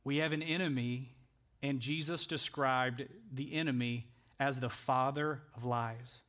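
A man's voice: mid-range voice, fairly even intonation, unhurried, a bit bright. Earnest male pastor preaching a sermon. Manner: earnest, conversational preaching that builds to emphatic peaks. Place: church sanctuary.

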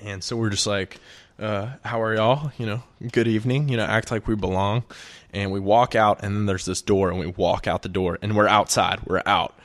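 A young man tells a story in a fairly low voice. He rambles along easily, packing his sentences with "like" and often breaking into laughter. He sounds like a podcast guest chatting informally. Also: fairly even intonation, normal speed, a bit bright. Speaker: guest musician. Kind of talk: casual storytelling.

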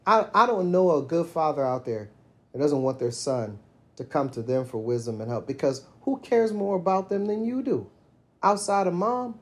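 A middle-aged man in casual conversation, reflecting on fatherhood and telling stories, getting animated when he quotes himself. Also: fairly high pitch, normal speed. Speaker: podcast co-host.

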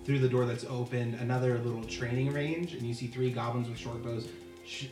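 A man running a tabletop game as game master, narrating in a relaxed, halting way with many fillers. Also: mid-range voice, roomy sound, over music.

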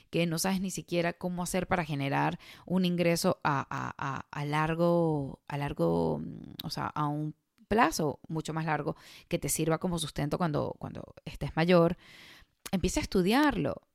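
Woman, podcast host, low voice, gravelly fry, dry close sound, rambling storytelling. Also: no echo. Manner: chatty storytelling with frequent fillers and restarts. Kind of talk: casual solo podcast talk.

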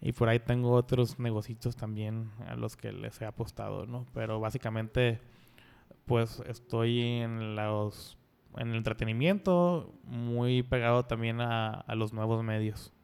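Invitado mexicano de treinta y tantos, voz limpia y resonante, tono relajado y bromista. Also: male voice, mid-range voice, fairly even intonation, unhurried, creaky, a little mellow, clear, resonant tone. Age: 30s. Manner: laid-back, slangy, joking. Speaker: podcast guest. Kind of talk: casual conversational interview.

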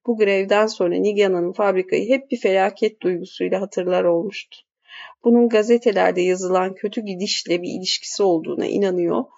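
A woman narrating a literary audiobook in a measured, even way. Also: mid-range voice, creaky. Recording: dull lo-fi audiobook recording.

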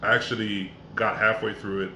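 Appearing as a guest on a casual conversational podcast, a Jamaican-born man in his forties who grew up in Miami shares his story earnestly and reflectively. His voice is very low yet pushed and bright, with a level tone and a brisk pace. The room is echoey and background noise is clearly audible.

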